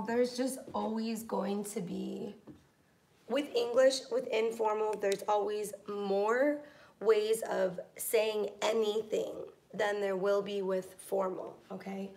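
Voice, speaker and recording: American woman, young, English teacher, live online lesson, unhurried, patient, encouraging. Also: mid-range voice, a little mellow, a little hiss or hum. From United States. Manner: patient, encouraging, reads out student comments.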